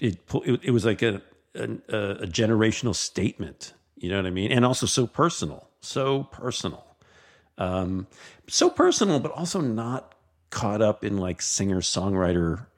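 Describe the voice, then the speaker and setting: Dude breaking down songs, lowish voice, swears, lots of you know what i mean. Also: male voice. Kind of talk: casual music chat.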